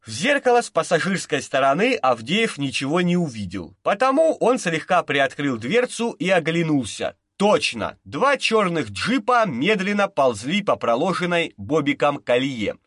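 A man narrating an audiobook with lively, expressive storytelling. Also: a little high, normal speed, few pauses, no echo, studio quality. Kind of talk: audiobook narration of a crime novel.

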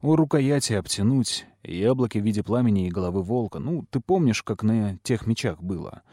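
A man's voice: fairly low pitch, lively intonation, fairly quick, mellow, no echo, clean studio sound. A man voicing a brash young nobleman speaking in an offhand, musing way. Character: brash young nobleman, practical big brother.

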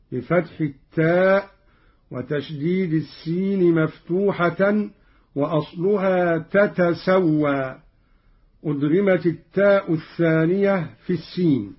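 A man giving a measured radio lesson on Quran readings, explaining each reading and chanting the quoted verses, on a dull lo-fi old radio recording. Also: high-pitched, breathy edge.

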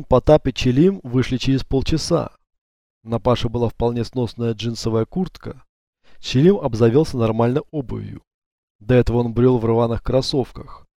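A man narrating an audiobook in a steady, even voice, recorded close to the microphone. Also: mid-range voice, dry recording.

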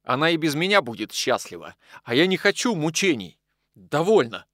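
A man's voice: fairly high pitch, sing-song, moderate pace, fairly bright tone, no echo, clean studio sound, pitched above the performer's own voice. A man reading an audiobook and voicing a nervous, bitter man who speaks in a raised, strained voice. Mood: agitated. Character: agitated bitter man in dressing gown.

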